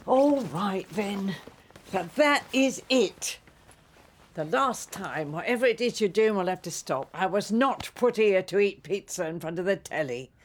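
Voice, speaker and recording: A woman's voice: medium pitch, expressive, takes it slowly. An actress playing an exasperated woman who scolds with sarcasm.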